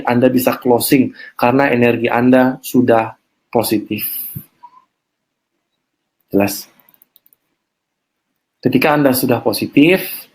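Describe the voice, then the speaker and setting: A man leading an online sales coaching session, lively and emphatic, often asking the audience rhetorical questions. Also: medium pitch.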